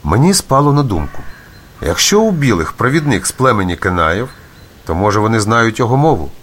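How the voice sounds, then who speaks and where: A man reading a story aloud in the first person, with expressive storytelling. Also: lowish voice, a little fast, slight background noise. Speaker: narrator.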